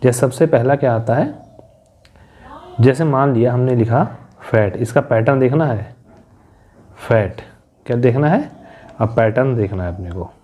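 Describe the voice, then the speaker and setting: A man with a mellow, warm voice teaches a lesson in a patient classroom manner. He works through each point step by step, posing questions and answering them himself, and he draws out letter sounds slowly as he spells out patterns. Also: medium pitch, slightly rough. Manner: explains step by step, asking and answering his own questions. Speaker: English teacher.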